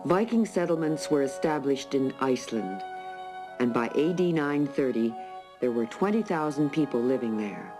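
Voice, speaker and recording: A man reading scripted documentary narration in a measured, formal way. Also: mid-range voice, expressive, music in the background, rough recording.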